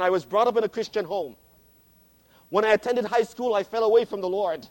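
A man in his fifties preaching a sermon, earnest and emphatic, repeating key phrases for stress. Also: high voice. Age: 50s.

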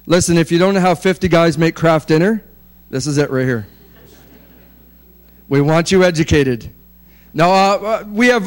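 A man with a clear, resonant voice on the high side presents a ministry's work from slides to a congregation. He's chatty and joking, and his speech is heavy with fillers.

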